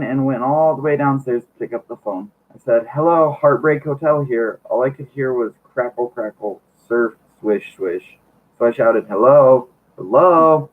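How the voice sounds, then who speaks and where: A man casually reading a teen diary novel aloud, now and then stumbling over words and laughing. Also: mid-range voice. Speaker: reader. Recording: tinny phone-like lo-fi recording.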